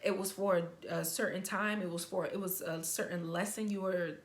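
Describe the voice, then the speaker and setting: A young adult woman vlogger giving casual advice to the camera, talking excitedly and rambling, often stuttering and restarting. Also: on the low side, normal speed.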